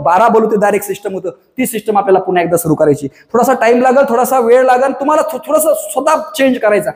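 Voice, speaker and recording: Man, impassioned monologue, very high and fast, echoey room with long reverb. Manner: fiery, ranting, many rhetorical questions. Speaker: coaching class owner giving advice.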